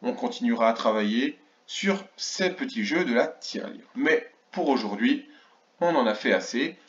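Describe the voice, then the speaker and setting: A man's voice: medium pitch, lively intonation, moderate pace. A man teaching young children in a remote lesson, counting aloud and sounding out syllables carefully. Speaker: kindergarten teacher. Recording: dull lo-fi recording.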